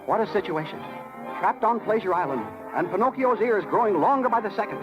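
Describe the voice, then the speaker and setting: Excitable cricket sidekick, vintage radio play: high, animated, homespun, easily flustered. Muffled recording over music. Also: male voice, fairly quick. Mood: breathless, excited. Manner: folksy, flustered, stammering, exclaiming. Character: small, excitable, fretful male cricket sidekick. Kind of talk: 1930s radio drama acting, breathless storytelling. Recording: dull 1939 radio broadcast.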